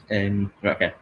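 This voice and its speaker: A man's voice: lowish voice, fairly bright tone, dull audio. Man, young adult, Scottish accent, casual live-stream chat, rambling, faint background noise. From Scotland. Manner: chatty, rambling, sings along in snatches.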